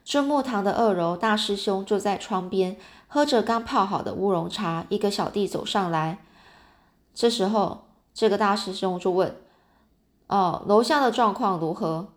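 A woman's voice: medium pitch, normal speed. A woman reading a children's fantasy novel aloud in a casual, chatty way with little asides. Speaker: storyteller.

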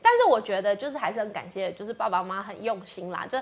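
Guest: young adult woman, warm conversational tone, middle pitch. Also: fast. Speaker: guest city councilor. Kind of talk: casual interview chat.

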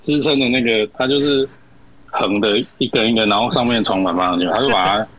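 A man's voice: lowish voice, quick pace, slight background noise, poor audio. A young man, a podcast guest, telling college stories and laughing as he talks. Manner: laughing, animated storyteller. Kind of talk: casual storytelling chat.

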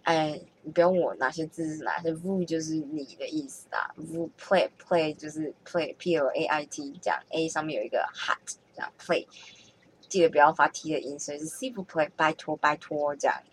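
A woman's voice: low-pitched, fairly even intonation, normal speed, slight background noise. A woman chatting casually as she thinks aloud, often correcting herself and laughing at her own mistakes. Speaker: vlogger learning French.

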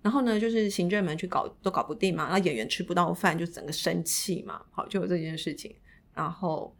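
A woman's voice: lowish voice, fairly quick, creaky. A woman from Taiwan, a guest arts administrator telling a story animatedly and acting out the people in it. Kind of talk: casual podcast storytelling.

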